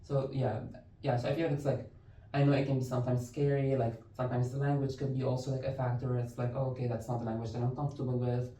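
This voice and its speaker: A young man from Lebanon chats easily as a podcast guest, peppering his thoughts with "like". His voice sounds mellow and a little dark. It is picked up from some distance in a room with noticeable echo. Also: medium pitch, flat delivery, quick pace, a little hiss or hum. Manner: easygoing, fills speech with "like" and "it's like". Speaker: university instructor, podcast guest. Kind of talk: casual interview conversation. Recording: roomy, distant mic.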